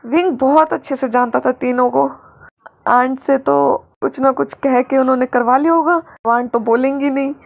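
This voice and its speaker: A woman storyteller narrating fan fiction in a lively, dramatic reading. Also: high-pitched, moderate pace, gravelly.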